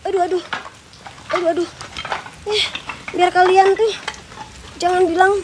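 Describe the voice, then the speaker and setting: Exploring an abandoned house indoors, a young ghost-hunting streamer chats in slang with her audience and mutters prayers under her breath out of nerves. She speaks at a measured pace in a very high, steady voice. Faint noise and heavy echo from the empty building fill the recording.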